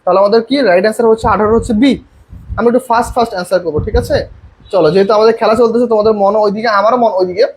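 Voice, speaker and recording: Young male tutor, high voice, online admission-prep class; coaxing, reads examples out slowly. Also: a little hiss or hum, rough recording. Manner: reads English sentences slowly and deliberately between quick explanations; coaxing, calls students "ভাইয়া" and prompts them to answer. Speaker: English admission-test tutor.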